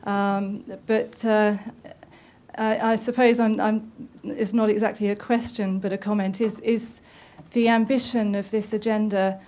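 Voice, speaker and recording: A woman's voice: medium pitch, flat delivery, measured pace, darkish tone. A woman from the audience putting a long, hesitant question to a panel, with many ums and restarts. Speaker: audience member asking a question. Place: conference room.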